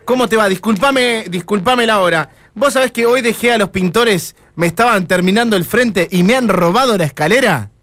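A man's voice: high voice, moderate pace, hardly any pauses, fairly bright tone. An Argentine man doing a prank phone call, feigning fluster and apologizing a lot. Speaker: radio prank caller.

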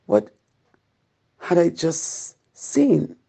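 A preacher delivering an urgent doomsday sermon, solemn and pleading, with repeated calls to repent in a gravelly, husky voice. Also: mid-range voice, animated, warm tone. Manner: solemn, pleading, slow, repetitive exhortation with long pauses. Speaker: preacher giving a prophetic warning.

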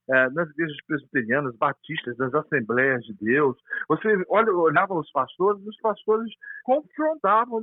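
A male pastor with a Brazilian Portuguese accent talks over a narrow, tinny phone line, his voice pitched high. He explains doctrine earnestly, often restarting phrases as he hunts for words. The line is dry and close, with no room sound. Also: dry recording. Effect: heard over a phone line. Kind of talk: theological discussion on a call.

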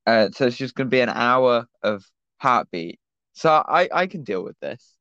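A man's voice: mid-range voice, animated, normal speed, fairly bright tone, smooth, no echo, muffled recording. Teen guy telling a rambling story. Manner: rambling anecdote with many fillers. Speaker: podcast co-host. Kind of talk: casual chat, storytelling.

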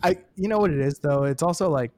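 A man's voice: a little high, quick pace, darkish tone, slight background noise. Rambling, musing young male comic. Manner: musing, rambling with many restarts. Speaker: comedian podcast co-host. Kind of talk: casual chat.

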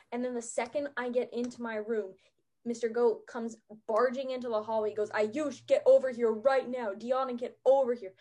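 A teenage girl casually recounting school memories to friends, animated when retelling. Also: a little high. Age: teens. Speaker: student in group chat. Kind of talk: casual chat.

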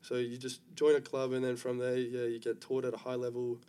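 Young man, flat voice. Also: medium pitch, fairly quick, clear, resonant tone. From South Africa. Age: young adult. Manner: relaxed, easygoing, many fillers. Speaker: guest rugby player. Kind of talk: casual interview chat.

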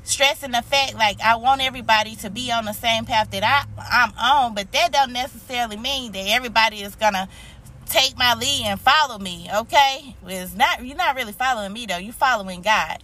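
Bright-voiced American woman, motivational life coach. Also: a little high. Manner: motivational life-coach encouragement, emphatic repetition. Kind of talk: informal motivational talk to online followers.

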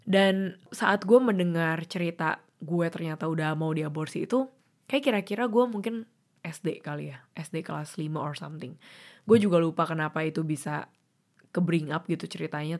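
A woman's voice: deep voice, brisk, darkish tone. A young woman podcast host, telling a personal story, tearful at times and mixing in English phrases.

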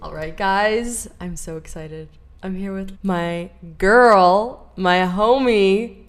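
A woman's voice: mid-range voice, takes it slowly, faint music behind. A young woman hosting a podcast in casual chat, bubbly and gushing, with lots of filler words. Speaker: podcast host.

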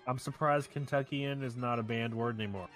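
Male stream co-host, mid-pitched, casual, folksy and sweary, music in the background. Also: fairly even intonation, a little fast, fairly bright tone. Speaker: live stream co-host and interviewer. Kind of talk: casual live stream banter. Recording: music behind the voice.

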